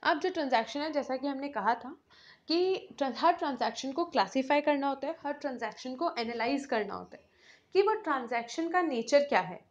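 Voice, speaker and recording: High-pitched female teacher, step-by-step classroom explanation, muffled lo-fi audio. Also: expressive. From India. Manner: explains step by step, often asks and answers her own questions; mixes in English terms and reads English definitions slowly. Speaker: accounts teacher. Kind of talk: classroom lecture.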